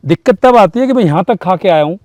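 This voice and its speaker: A man's voice: sits high, expressive, fast talker, darkish tone, no room sound. Emphatic man, dry close sound. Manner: emphatic, acts out little dialogues, mixes in English phrases. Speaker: guest speaker. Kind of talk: conversational advice in a talk show.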